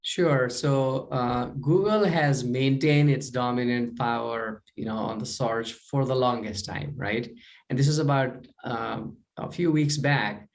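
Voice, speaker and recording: A company co-founder from Kathmandu, Nepal, speaks with a Nepali accent as an interview guest, explaining things conversationally and often tagging on "you know" and "right?". His voice has medium pitch, a measured pace and vocal fry.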